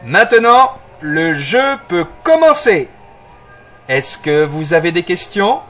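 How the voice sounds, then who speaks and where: A man playing an upbeat escape game guide in an audio story for language learners, articulating deliberately. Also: high-pitched, sing-song, sharp tone, soft background music, full character voice. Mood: enthusiastic, instructive. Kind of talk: slow, clear language-learner audiobook dialogue.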